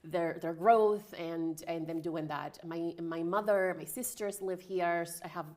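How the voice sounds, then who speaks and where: A woman's voice: fairly low pitch, steady tone, measured pace. A woman in her forties from the Dominican Republic, a guest on a talk show, speaking in a reflective, conversational way. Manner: warm, reflective, with fillers and restarts. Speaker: guest fashion designer. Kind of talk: conversational interview.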